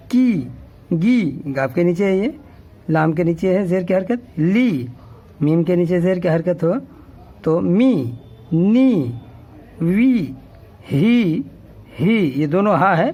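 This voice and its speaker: A man's voice: sits high, a little mellow. A man teaching the Urdu alphabet step by step, patiently repeating each vowel sound and often checking in with the learner. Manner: patient, repetitive, checks with "okay?".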